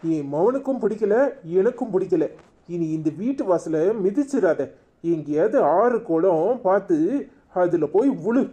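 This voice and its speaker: A gruff, scolding cartoon dad, voiced by a woman with a mellow, mid-pitched voice and a Tirunelveli accent. He talks bluntly and without softness. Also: lively intonation, unhurried, muffled recording, a little hiss or hum, natural voice. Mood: harsh. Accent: Tirunelveli Tamil. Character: gruff, harsh father and husband.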